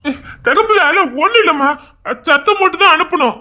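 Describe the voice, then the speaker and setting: A performer voicing a devoted young husband who swears loyalty to his crying wife and scolds others loudly, in a Tamil romance audio drama. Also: very high-pitched, fast. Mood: pleading, scolding.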